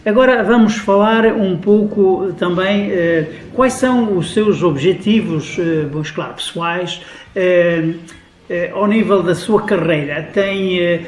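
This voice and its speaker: A man's voice: sits high, slow. A man interviewing a diplomat for radio, asking polite, formal questions full of filler sounds. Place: guest's office. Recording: echoey room.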